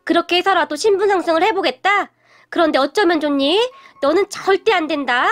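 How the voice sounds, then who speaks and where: A woman's voice: very high-pitched, lively intonation, fairly quick, a bit bright. A woman voicing a haughty, wealthy middle-aged mother who sneers and scolds. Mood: scornful.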